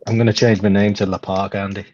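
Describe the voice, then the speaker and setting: A man's voice: on the low side, flat delivery, fast talker, darkish tone. A man co-hosting a podcast in casual, sweary banter, his voice muffled as if talking through a mask or covered mouth. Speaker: podcast co-host. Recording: muffled, dull sound.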